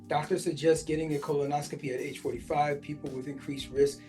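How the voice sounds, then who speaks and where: This forties-aged podcast host has a warm, fairly high voice with level intonation and a fairly quick pace, backed by soft music. He works through a news article out loud, frequently breaking off for filler-heavy casual reactions.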